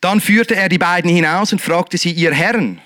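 A man preaching a lively sermon, shifting between loud exhortation and quiet, earnest talk. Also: sits high, normal speed, no echo. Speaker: pastor.

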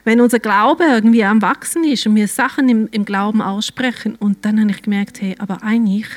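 Swiss woman, church testimony, emotional and halting, mid-pitched voice. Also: steady tone. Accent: Swiss German. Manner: emotional, halting, drops to near-whispers. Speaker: church member giving testimony. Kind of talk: personal faith testimony.

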